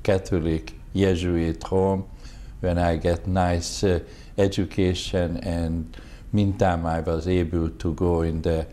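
A man in his seventies from Hungary, speaking English with a Hungarian accent in an oral history interview, halting and polite as he searches for words. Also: low-pitched, little pitch movement, warm tone. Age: 70s. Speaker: veteran interviewee.

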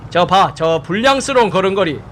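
Man doing a pompous game vigilante, bright and boastful, for a role-play dub. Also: high-pitched, lively intonation, a little fast, a little hiss or hum. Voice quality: pompous, declamatory. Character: swaggering male vigilante tough guy.

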